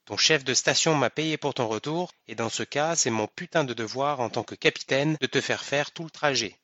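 A man's voice: medium pitch, normal speed, a bit bright, dry recording, highs cut off, close to an everyday voice. A man reading aloud voices a coarse, coaxing ship captain. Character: gruff wheedling ship captain.

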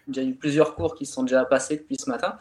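A man from northern France, a fitness coach, presenting himself in relaxed, chatty webinar talk with many fillers. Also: medium pitch, fairly quick.

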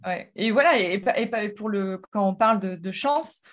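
A woman in her thirties from France, a guest entrepreneur telling her story in a casual interview, animated and full of fillers and restarts. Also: medium pitch, fairly quick.

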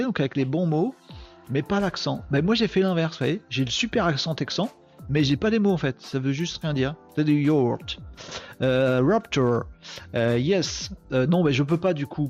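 A man hosting a casual live stream, reading viewer comments and chatting in an animated way. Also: medium pitch, lo-fi sound.

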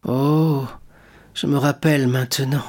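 A man's voice: medium pitch, steady tone, takes it slowly, darkish tone, pitched above the performer's own voice. A man reading the part of a frail, grieving old father who speaks in a quavering, pleading way. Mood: anxious.

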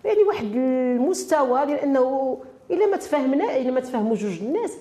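A woman's voice: high voice, sing-song, fast, mellow. A woman with a Moroccan Arabic accent in a spontaneous interview, repeating words as she searches for her phrasing. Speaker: interview guest, women's association activist.

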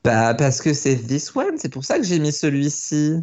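A man running a quiz on a casual podcast. He teases the others, and his pitch swings lively up and down. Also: normal speed. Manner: teasing, animated. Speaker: podcast co-host running the game. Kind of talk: casual chat among friends.

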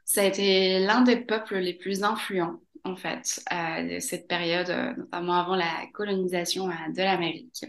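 A woman's voice: lowish voice, fairly even intonation, moderate pace, few pauses, reverberant. A woman from Mexico, a podcast guest talking casually, hesitating with many fillers and laughing often. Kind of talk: casual interview.

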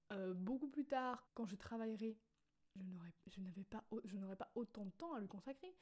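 A woman's voice: fairly high pitch, mellow. A young woman hosting a casual podcast, chatty and self-mocking, with sarcastic asides. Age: young adult. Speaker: podcast host. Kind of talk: casual spontaneous podcast chat.

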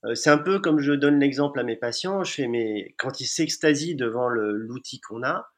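A man's voice: medium pitch, normal speed. A man, a dentist, talking conversationally about his practice with frequent hesitations. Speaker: dentist guest. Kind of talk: podcast conversation.

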